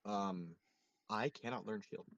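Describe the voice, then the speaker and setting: A man's voice: lowish voice, a little slow, gravelly, fairly bright tone, no echo, lo-fi sound. A man playing a tabletop game, bantering loosely and swearing. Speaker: player. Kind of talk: casual game-table chat.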